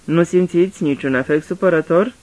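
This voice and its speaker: A man's voice: on the high side, a little mellow, close to an everyday voice. A man voicing Poirot, a fussy, courteous older detective, in a radio drama reading, talking patiently like a teacher. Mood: courteous probing. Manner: polite, patient, explaining like a teacher.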